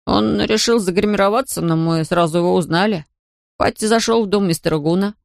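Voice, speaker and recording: A woman voicing a friendly boy who speaks briskly in a storybook reading. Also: mid-range voice, gravelly, no echo, studio quality, close to an everyday voice. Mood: puzzled.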